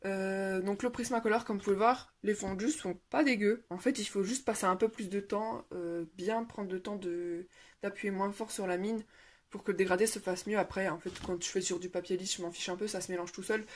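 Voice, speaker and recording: A woman's voice: medium pitch, steady tone, fairly quick. A young woman chatting casually about her coloring pages, with lots of fillers and restarts. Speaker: coloring vlogger. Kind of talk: casual show-and-tell chat. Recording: faint background noise and clicks.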